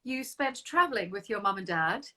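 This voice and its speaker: A woman hosting a casual interview, chatty and quick to laugh. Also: medium pitch, expressive. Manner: warm, chatty, laughs often. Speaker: interview host.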